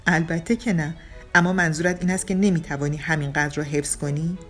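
A woman's voice: deep voice, fairly even intonation, soft background music. A woman voicing a frank, dry middle-aged woman giving blunt advice, in an audiobook reading. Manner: frank, dry, matter-of-fact.

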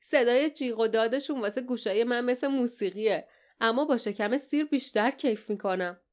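A woman's voice: on the high side, darkish tone, lightly acted. A woman voicing a boastful, strutting male pirate leader, speaking with scorn. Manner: swaggering, scornful.

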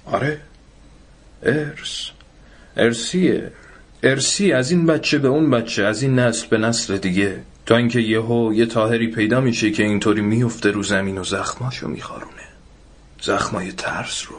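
A man voicing a grave, calm village doctor who explains things earnestly. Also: mid-range voice, lightly acted.

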